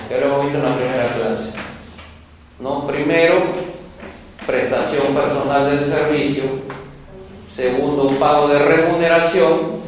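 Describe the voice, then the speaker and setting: Emphatic male lecturer in an echoey classroom. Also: on the high side. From Peru. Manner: emphatic, animated, asks listeners if they follow. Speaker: law lecturer. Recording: very echoey classroom, voice far from mic, faint noise.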